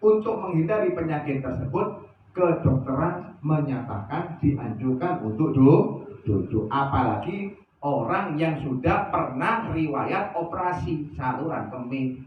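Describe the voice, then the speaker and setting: A man preaching at a religious study session, animated, asking rhetorical questions of his listeners. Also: on the high side, unhurried, slight background noise. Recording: echoey, distant, dull lo-fi sound.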